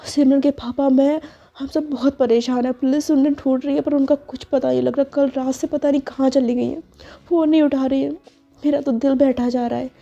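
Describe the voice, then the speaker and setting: A woman's voice: high-pitched, fairly even intonation, fairly quick, creaky, dark tone, faint music behind. A woman voicing a worried middle-aged mother who pleads and prays, on a dull lo-fi recording. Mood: pleading. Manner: pleading, pious.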